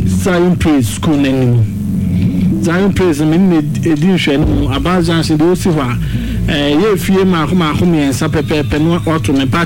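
A man with a slightly high voice delivers a radio advertisement for his herbal healing center. He reels off directions in a brisk, promotional manner. Loud music plays behind him. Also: low-quality recording. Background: loud music bed.

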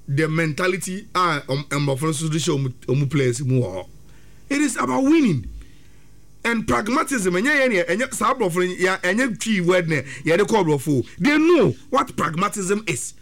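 An excitable Ghanaian-accented football pundit breaks down a team's chances in animated Twi and English. He talks fast, his high voice swinging widely up and down as he works himself up and climbs into high-pitched bursts.

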